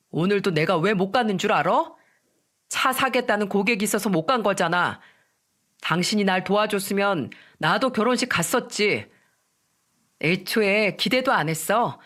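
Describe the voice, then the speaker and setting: A grown husband brushes off his wife with defensive, dismissive talk in a storytelling radio drama, read by a woman. The voice stays at a middle pitch and plain. His tone is self-centered and curt. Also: a bit bright, natural voice.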